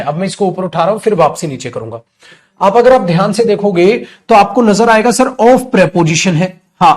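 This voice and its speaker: A middle-aged man with an Indian English accent teaching English grammar in a live class, coaxing his students and asking and answering his own questions. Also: high voice. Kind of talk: live online class lecture.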